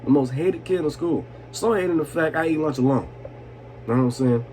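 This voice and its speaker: A man's voice: a little high, brisk. A man in his twenties telling personal stories in a casual, profane, slangy way, tipsy and rambling with chuckles. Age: 20s. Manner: slangy, repeats "you know what I'm saying". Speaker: storytelling vlogger. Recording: noisy room with steady background noise.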